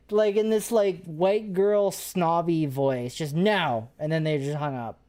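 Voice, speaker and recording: A woman's voice: lowish voice, fairly even intonation, slow pace, dark tone. A woman, a paranormal investigator, chatting casually and rambling with restarts while live-streaming.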